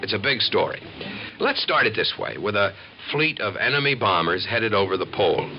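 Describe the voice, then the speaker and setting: A dull old radio recording with music carries an American man's fairly low, sing-song voice at normal speed. He plays a confident, earnest civil defense expert in a 1950s documentary, narrating and explaining in an emphatic, folksy manner.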